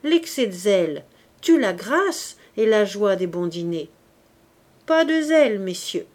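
A woman's voice: medium pitch, very animated, unhurried, a little mellow. A woman reading an audiobook, voicing a pompous young man who lectures his friends in grand, sententious phrases.

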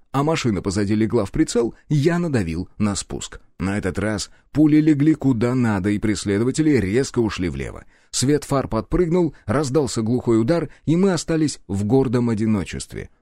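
Gruff man reading an audiobook. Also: medium pitch, mellow, no room sound, clean studio sound. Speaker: audiobook narrator. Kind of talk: first-person audiobook narration.

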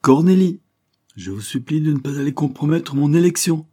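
A man reading the lines of a composed lawyer, measured and reassuring. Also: on the high side, lively intonation, warm tone, voice pushed up. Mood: firm. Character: composed middle-aged male lawyer, firm and calm.

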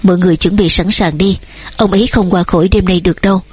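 A woman voicing a doctor who speaks gravely and plainly, with a husky voice. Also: fairly low pitch, steady tone, quick pace, a little mellow, soft background music. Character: grave doctor giving bad news.

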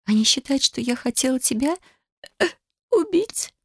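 A woman's voice: normal speed, dry recording, clean studio sound. A woman voicing a nervous, giggly young female elf in an audiobook. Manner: bursts into shrill laughter.

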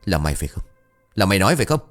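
A man voicing a hot-tempered middle-aged man who shouts and wails his complaints. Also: sits low, big pitch swings, racing, soft background music. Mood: furious.

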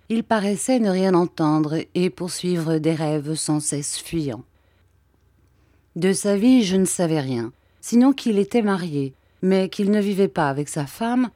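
A woman reading a short story aloud in a measured, deliberate narrating voice. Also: sits low, warm tone, no room sound, studio quality. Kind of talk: scripted narration.

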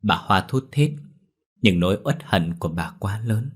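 A man's voice: fairly low pitch, expressive, moderate pace, slightly rough. A man telling a ghost story in scripted, dramatic narration.

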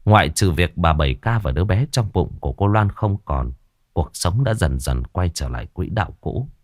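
A man narrating a ghost story audiobook in an expressive, dramatic manner. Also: deep voice, normal speed, no room sound, clean studio sound.

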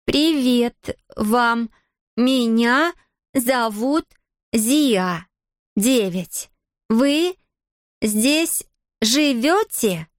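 Lady doing a stubborn little girl, squeaky and cross, audiobook voice. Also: fairly even intonation, moderate pace, a little mellow, dry recording, clean studio sound, lightly acted. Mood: indignant. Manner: high and shrill, indignant outbursts. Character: spirited nine-year-old girl, stubborn and easily upset. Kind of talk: audiobook character voice.

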